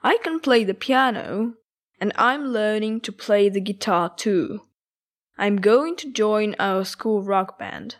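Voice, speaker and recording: A teenage schoolboy , voiced by a woman, introduces himself at an unhurried pace with an even mid-range voice. He speaks carefully and clearly, like a recording from a language coursebook. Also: mid-range voice, lightly acted. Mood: cheerful. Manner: slow, careful, clear delivery. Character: teenage schoolboy from Argentina, keen on music. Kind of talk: scripted textbook dialogue.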